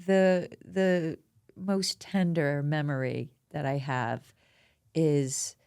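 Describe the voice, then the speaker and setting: A woman guest speaking softly and reflectively about memories of her mother. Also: low voice, fairly even intonation, drawn-out words, vocal fry, clean tone, no room sound, studio quality. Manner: soft, reflective. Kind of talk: casual chat.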